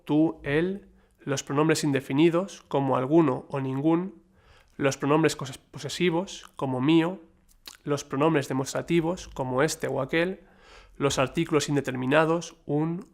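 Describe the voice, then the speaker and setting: A man reading a scripted lesson in a measured, explanatory way, with the odd slip and filler. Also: fairly high pitch, creaky. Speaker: lecturer. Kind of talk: scripted educational narration.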